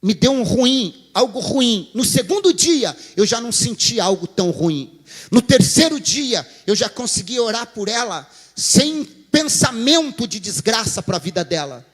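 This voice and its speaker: A man's voice: very high voice, big pitch swings, measured pace, a bit bright, in a large hall. A man, a pastor, preaching a sermon, telling a counseling story and acting out its dialogue before rising to emphatic appeals.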